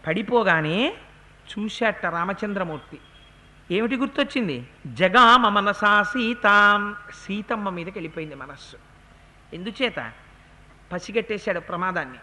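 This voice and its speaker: A man giving a devotional discourse, chanting verses slowly and then explaining them with rising emphasis. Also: sits high, lively intonation, fairly bright tone. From India. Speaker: religious discourse speaker.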